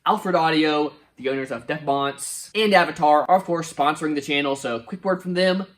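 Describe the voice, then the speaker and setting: A man's voice: a little high, normal speed. Guy hyped up reviewing a sub, folksy, keeps saying y'all and guys. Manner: excited, folksy, says "y'all" and "guys" a lot. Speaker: car audio reviewer. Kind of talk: enthusiastic product review vlog.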